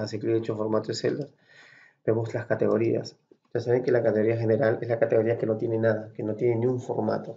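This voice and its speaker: Peruvian man teaching spreadsheets, gravelly. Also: mid-range voice, dark tone, muffled recording. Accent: Peruvian Spanish. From Peru. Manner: patient, explains step by step, checks in with frequent "¿sí?" and "¿correcto?". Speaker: Excel course instructor. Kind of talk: screen-recorded software tutorial.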